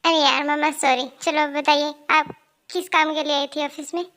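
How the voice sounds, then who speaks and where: A woman's voice: high-pitched, level tone, moderate pace, a bit bright. A woman voicing a young male company boss who is bossy at work and whiny and babyish with his mother. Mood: pleading.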